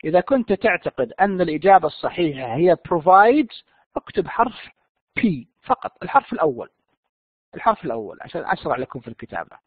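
A man's voice: sits high, sing-song, breathy edge, dry recording. Man teaching English on a thin line. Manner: switches between slow drawn-out English and quick Arabic explanations. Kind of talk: online class lecture. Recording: dry, phone-like narrow sound.

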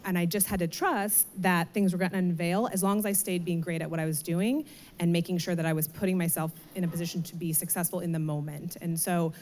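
Recruiter woman on a panel, bit low voice, earnest advice into a handheld mic. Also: steady tone, fast talker, darkish tone. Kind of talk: panel discussion. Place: large atrium stage with audience.

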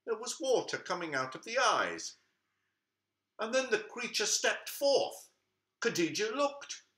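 Slow, dramatic male storyteller. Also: high-pitched, very animated, sharp tone. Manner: dramatic, swooping emphasis. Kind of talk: storytelling for children. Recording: echoey room.

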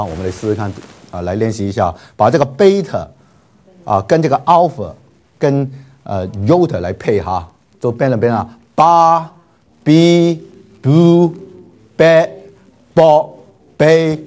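A man with a mid-range, darkish voice leads a class through drills, repeating syllables for students to follow. He speaks slowly and drawn-out, using frequent filler particles and playful asides.

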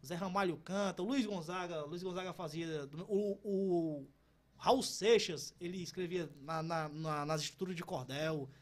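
High-voiced man in his thirties. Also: unhurried. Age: 30s. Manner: animated, stumbling restarts. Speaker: cordel poet guest. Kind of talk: casual interview talk.

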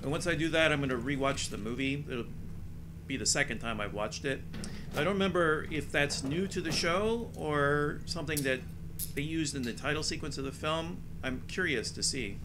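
A middle-aged man hosting a reaction video, talking casually and enunciating carefully with small pauses. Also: a little high, background noise.

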